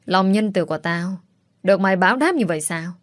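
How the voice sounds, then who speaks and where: A woman's voice: mid-range voice, lively intonation, fairly quick, dry recording, close to an everyday voice. A woman voicing a cruel, scheming middle-aged stepmother in a storybook reading, with a sneering, contemptuous manner. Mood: spiteful.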